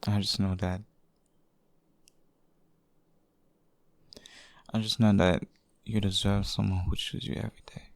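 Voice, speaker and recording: A devoted boyfriend, acted by a man, speaks in an intimate ASMR role-play, hushed and halting. His low voice stays in a narrow, even range. It is tender and a little possessive, recorded very dry and close. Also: vocal fry, no room sound. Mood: tender, reassuring. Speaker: audio role-play performer.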